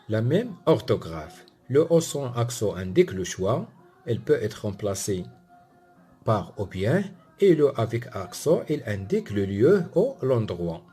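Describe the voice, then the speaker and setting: Patient teacher man, lively pitch. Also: breathy edge. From Morocco. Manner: slow, repeats each example sentence, leans on key words. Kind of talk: classroom lesson narration.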